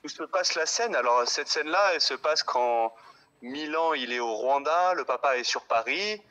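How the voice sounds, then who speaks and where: A man's voice: on the high side, lively intonation, normal speed, sharp tone. A man explaining a scene informally, conversational and a little hesitant. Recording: dull lo-fi radio-like sound.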